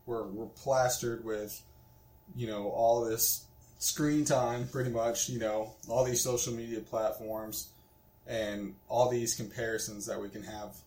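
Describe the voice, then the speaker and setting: Recorded in an echoey room, this twenty-something podcast co-host has a mid-range, slightly mellow voice with a steady tone and an unhurried pace. He rambles casually, leans on fillers, and laughs easily.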